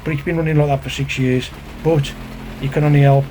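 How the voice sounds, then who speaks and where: Here a man with a mellow voice on the high side talks briskly and steadily, venting in a chatty, exasperated way about his pond pump. He's a koi hobbyist vlogging casually on his phone outside in a downpour, with faint rain and outdoor sounds in the background.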